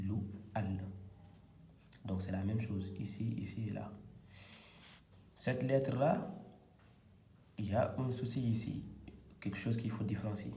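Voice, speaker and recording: Man, low dark voice, halting and self-correcting, roomy echo, faint room noise. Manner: soft, drops to near-whisper while writing. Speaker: Quran and Arabic teacher. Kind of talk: hesitant whiteboard lesson.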